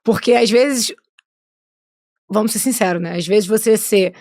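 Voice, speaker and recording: A woman in her 20s from Rio de Janeiro state, Brazil, chats casually as a guest on a podcast, tagging her sentences with "né?". Her medium-pitched, darkish voice is unhurried. The recording is dry and studio quality.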